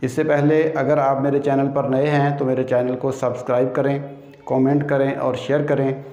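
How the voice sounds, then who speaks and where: A man's voice: medium pitch, level tone, moderate pace, warm tone. Patient man teaching, echoey lo-fi room. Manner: patient, repetitive, step by step, repeats each key term. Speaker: English teacher. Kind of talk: explaining English pronunciation rules to viewers. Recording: echoey room, dull lo-fi sound.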